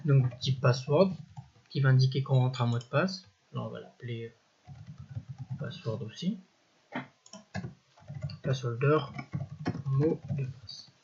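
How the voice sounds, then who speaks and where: A man talks through a coding tutorial in a relaxed, halting way, correcting himself as he goes and dropping quick interjections between steps. His voice is somewhat husky. The recording sounds a little dull and lo-fi. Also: medium pitch. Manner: thinks aloud, peppered with "voilà" and "hop"; self-correcting, halting phrasing. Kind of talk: casual screen-recorded coding walkthrough.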